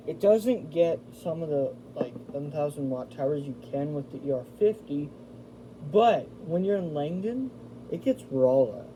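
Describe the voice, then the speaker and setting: Poor audio with light background noise captures a man whose warm voice sits on the high side. He's a video host at home giving a hands-on radio review, relaxed and talkative, addressing his viewers directly as "you guys."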